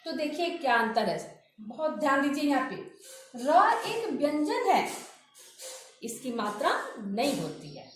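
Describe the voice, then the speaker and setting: A woman teaching a grammar lesson, slowly drilling pronunciation by repeating example words. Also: sits high, sing-song, slight background noise. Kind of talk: classroom lesson with spoken examples. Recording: very echoey room.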